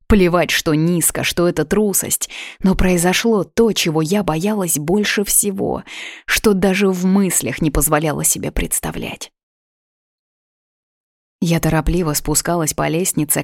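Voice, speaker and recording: A woman narrates an audiobook in the first person, steady and measured. Her voice sits low. The recording is dry and close, with no room sound. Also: creaky, dry recording.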